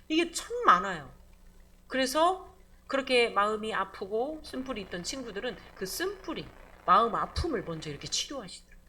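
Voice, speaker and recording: A woman pastor delivers an animated sermon, her bright voice sitting a little high. Her pitch swings widely as she calls out for amens and acts out stern scolding voices. The delivery is conversational and lively. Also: a little hiss or hum. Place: church.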